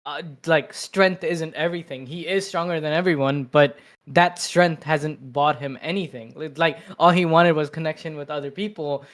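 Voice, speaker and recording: A man's voice: fairly high pitch, steady tone, normal speed, few pauses, fairly bright tone. A man co-hosting a livestream, arguing his point in casual debate and stammering with repeated words. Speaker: livestream co-host.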